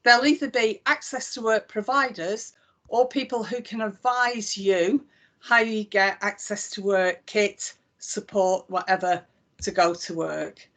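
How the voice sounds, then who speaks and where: A chief executive from Northwest England with a Lancashire accent gives a live demonstration of a website, narrating each click in a relaxed, chatty way full of ums. Her voice sits at an ordinary middle pitch, and she speaks a little slowly.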